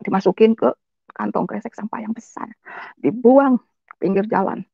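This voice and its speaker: Woman, testimony speaker: rapid and emotional, gravelly voice on a dry, dull recording. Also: mid-range voice, no echo. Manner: emotional, often addresses the audience as ladies and gentlemen. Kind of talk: personal testimony to an audience.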